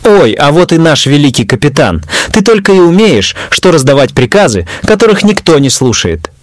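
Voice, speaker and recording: Drunk young man, sneering, taunting, lively delivery, read by a male narrator. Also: fairly high pitch, normal speed, no echo. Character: drunk arrogant young man mutinying on a yacht. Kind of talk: audio story narration.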